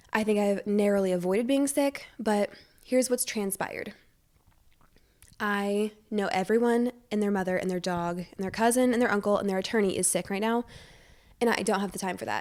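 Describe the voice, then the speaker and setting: A woman's voice: mid-range voice, darkish tone. Stuffy-nosed, bubbly woman podcaster. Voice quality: stuffy, congested nose. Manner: bubbly, rambling, self-deprecating humor. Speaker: podcast host. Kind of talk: casual chatty solo podcast. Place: living room at home. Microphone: wired podcast microphone.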